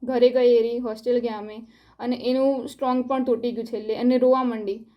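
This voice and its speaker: A woman's voice: a little high, level tone, brisk, muffled recording. A young woman, a college student, giving an earnest and upset personal statement in a self-recorded video. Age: young adult.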